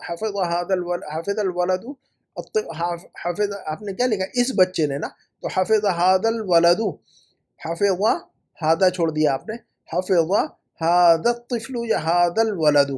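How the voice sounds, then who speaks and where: High-voiced man teaching Arabic grammar. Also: a little mellow. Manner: patient, repeats words slowly for pronunciation. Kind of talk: correcting student homework in a recorded lesson.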